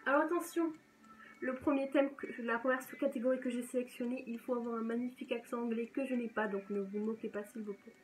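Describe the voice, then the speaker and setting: Chatty young French-speaking woman, bright. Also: fairly high pitch, fairly even intonation, fast, a little hiss or hum, poor audio. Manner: chatty, enthusiastic, self-correcting. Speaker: book vlogger. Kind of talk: casual chat.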